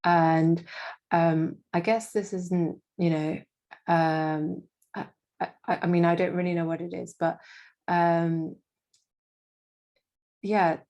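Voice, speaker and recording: Low, flat-voiced young woman guest. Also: takes it slowly, long pauses. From Indonesia. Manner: hesitant, many fillers and restarts. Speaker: guest, freelance marketing manager. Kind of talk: casual interview.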